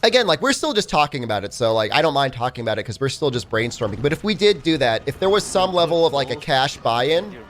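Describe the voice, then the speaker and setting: Very animated and fast, with hardly any pauses, a young speedrun streamer chats with viewers mid-game in a mid-range, slightly bright voice thick with a cold. He rambles, repeating "I mean" and "like" throughout. A little hiss or hum can be heard.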